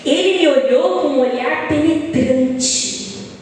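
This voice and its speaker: A woman leading a Bible study, asking the audience questions and answering them herself, drawing out her examples. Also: sits high. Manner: lively, drawn-out emphasis on examples. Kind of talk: church Bible study lesson. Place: church hall. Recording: echoey hall, voice from far off, faint ambience.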